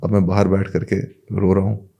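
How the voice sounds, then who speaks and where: A man's voice: low voice, monotone, fairly quick, vocal fry, warm tone. A man, a podcast guest, casually telling a personal anecdote and acting out the back-and-forth of what people said. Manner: retells events with many quoted exchanges.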